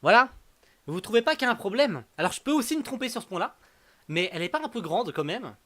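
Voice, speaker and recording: A man's voice: high voice, very animated, fast, bright, forceful tone. A young man casually reviewing the month's manga to camera, rambling with many fillers and teasing his viewers.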